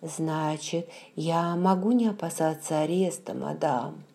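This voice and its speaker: A timid, earnest man of the cloth, half-starved and wary, drawn out slowly in an audiobook as a woman narrator puts him on. The voice sits lowish and warm, each phrase hesitant and hushed. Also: gravelly. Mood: timid, anxious. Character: frightened, starving male Protestant pastor, timid and earnest. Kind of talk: audiobook character voice.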